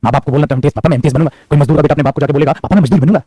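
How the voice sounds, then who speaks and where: A man's voice: on the high side, little pitch movement, rapid-fire, dark tone, no room sound. A man teaching English for government exams, lecturing and scolding his students in a fiery, motivating way, calling them son and my child and using grammar terms as he goes.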